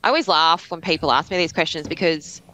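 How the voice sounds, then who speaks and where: An Australian woman speaking as a guest on a podcast, talking in a fast-flowing, energetic and candid way. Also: low-pitched, dry recording, low-quality recording. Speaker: podcast guest, veterans recruiter. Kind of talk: casual podcast chat.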